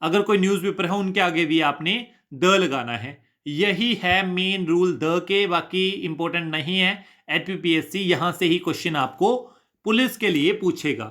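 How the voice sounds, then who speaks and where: A man's voice: sits high, measured pace, fairly bright tone. A man teaching an exam-prep grammar lesson, drilling students with repeated questions and answers.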